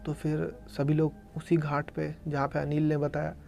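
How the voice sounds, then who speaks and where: A man with a gravelly, dark voice tells a horror story in a casual spoken style, as if recounting it to a friend. His pitch sits slightly high but barely moves, and faint music plays behind him. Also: completely flat delivery, normal speed. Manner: retells events in present tense, dramatizing quoted cries.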